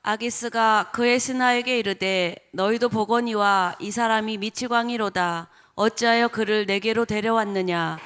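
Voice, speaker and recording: A woman reading a scripture passage aloud in a steady, measured way during a church service. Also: a little high, clean tone.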